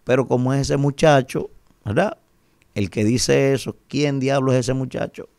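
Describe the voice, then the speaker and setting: A man's voice: medium pitch, normal speed, creaky, darkish tone, no echo. A man in his forties with a Dominican Spanish accent, giving emphatic, rhetorical opinion commentary on the radio and asking "¿verdad?" again and again. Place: radio studio, indoors. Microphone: studio mic on a boom arm.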